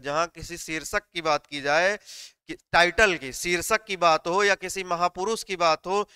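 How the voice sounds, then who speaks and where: Male teacher, high and bright voice, very clear and dry close sound, questioning and dictating to students. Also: dry recording. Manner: explains step by step, asks students questions; dictates notes word by word. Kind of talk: live online class.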